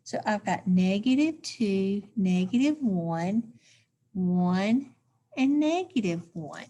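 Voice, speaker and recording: Woman math teacher; deliberate pace, talks each step through, keeps asking "okay?". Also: mid-range voice, expressive, mellow. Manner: talks through steps aloud, checks in with "okay?". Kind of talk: recorded math lesson.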